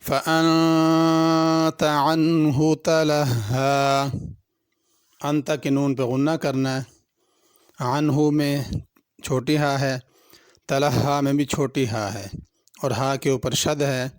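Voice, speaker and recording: Recorded with studio quality and no echo, this tajweed teacher speaks in a mid-range, fairly even, slightly mellow voice with a Pakistani Urdu accent. He goes through each pronunciation rule patiently and methodically, saying every word slowly first, then switching from drawn-out recitation to explanation.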